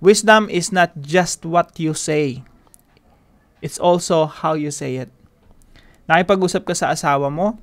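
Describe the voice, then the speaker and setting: A man's voice: a little high, a bit bright, smooth. Emphatic man leading a devotion. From Philippines. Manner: emphatic, repeats key phrases, slows down on English lines. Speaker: devotion leader. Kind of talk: devotional teaching.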